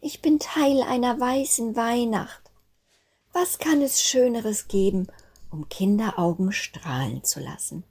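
A woman reading a storybook aloud and voicing an anxious little snowflake girl in a tearful, high, pleading voice. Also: a little slow, darkish tone, husky. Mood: awed.

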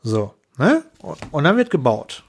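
Animated man telling a story. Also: medium pitch, breathy edge. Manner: animated storytelling, acting out clients and bosses in quick voices. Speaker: podcast co-host. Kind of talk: casual podcast chat.

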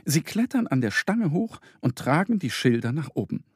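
A man reading a children's story aloud in an expressive, lively scripted narration. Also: fairly high pitch, normal speed, husky, dry recording, studio quality.

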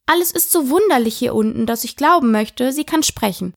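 A woman's voice: a little high, animated, brisk, vocal fry, no room sound, studio quality. A woman voicing a polite, curious young girl who chatters eagerly and apologizes often.

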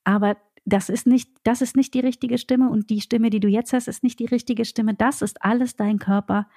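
A woman voice coach explaining calmly and reflectively in a podcast conversation, laughing now and then. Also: fairly high pitch, normal speed.

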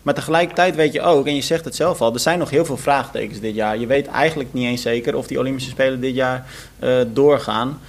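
A man's voice: mid-range voice, brisk. A man hosting a podcast interview, talking in a chatty, enthusiastic way that often trips over his own words. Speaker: podcast host.

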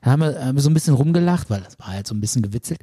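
A man's voice: medium pitch, expressive, rapid-fire, warm tone, husky, no echo, clean studio sound. A man co-hosting a podcast, telling a dream in a rambling, hesitant way with many fillers. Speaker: podcast co-host. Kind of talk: casual chat, telling a dream.

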